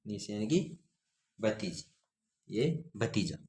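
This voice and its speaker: Slow, low-voiced male teacher. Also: darkish tone, a little hiss or hum. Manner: spells words letter by letter and asks the class. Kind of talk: grammar lesson.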